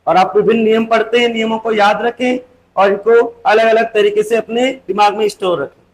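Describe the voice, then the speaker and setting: A man's voice: high-pitched, fairly even intonation, moderate pace, low-quality recording. A man teaching a grammar lesson for exam preparation, asking questions and answering them himself, stressing the rules and repeating key words. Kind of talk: exam-prep classroom lesson.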